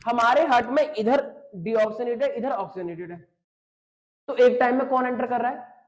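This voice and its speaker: High-voiced joking male biology teacher. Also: moderate pace. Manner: jokey, teasing, talks straight to students. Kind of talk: online class lecture reading chat questions. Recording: dull lo-fi stream audio.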